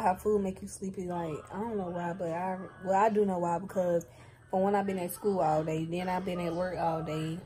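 A young woman in her late teens, chatting casually to her viewers at home in a slangy, direct way. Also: mid-range voice. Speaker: vlogger. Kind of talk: casual vlog chat.

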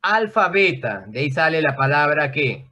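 A man with a fairly high voice teaches a class over a video call. He explains at length in a loose, conversational way and keeps checking in with his students. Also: big pitch swings, normal speed, sharp tone. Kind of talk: online class lecture.

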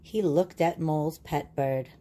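A woman with a low voice and dark tone reads a children's picture book aloud. She explains it in a deliberate, teacherly way.

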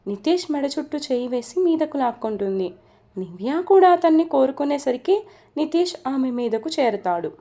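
A woman narrating a romance story from a script in a steady, even reading voice. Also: high voice, normal speed.

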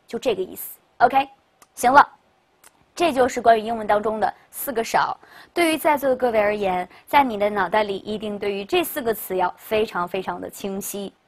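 A woman giving a classroom grammar lecture as a teacher, lively and full of questions to the class. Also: fairly high pitch. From China. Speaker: English teacher.

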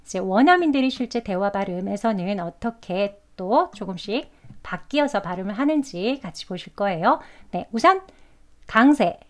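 A Korean-speaking woman teaching English pronunciation, breaking long words into syllables and drawing them out slowly. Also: mid-range voice, lively intonation. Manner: drawn-out, syllable-by-syllable demonstrations. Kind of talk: slow, careful pronunciation lesson.

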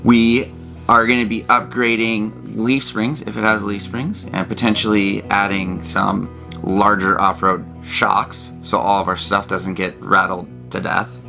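A man in his thirties explains things casually to camera inside a small trailer. His voice sits low with a gravelly creak. Soft guitar music plays behind him. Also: little pitch movement, unhurried. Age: 30s. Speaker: RV vlog co-host.

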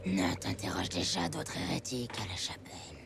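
A gravelly, deep fanatical cult preacher. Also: male voice, sing-song, exaggerated voice. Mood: stern, menacing. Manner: slow biblical pronouncements, hissed threats. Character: menacing fanatical cult preacher, cruel and merciless. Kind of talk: dramatic horror game acting. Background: ominous game music.

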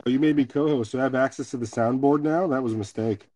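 A man co-hosting a casual online audio chat from inside a tunnel, his voice echoing heavily and answering briefly and low-key. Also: fast talker, darkish tone. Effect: echoing tunnel sound. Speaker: co-host. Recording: heavy echo from a tunnel.

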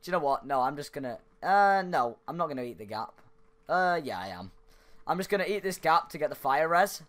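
A young gaming YouTuber speaks close into a desk mic with a fairly high, sing-song voice, talking fairly quickly in a fairly bright tone. His gameplay commentary is chatty, and he yelps and laughs whenever something goes wrong.

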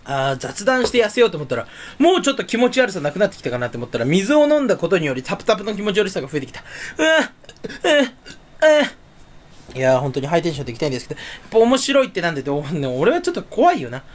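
Casual solo chatter, male, rambling and self-deprecating, pitch leaps all over. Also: very animated, racing, hardly any pauses. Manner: rambling, self-mocking, swings pitch up suddenly. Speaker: streamer.

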